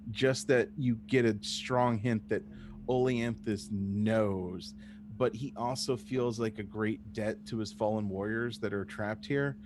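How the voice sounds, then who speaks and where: A man narrating a tabletop game as the game master. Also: on the low side. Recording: noisy voice recording with hum.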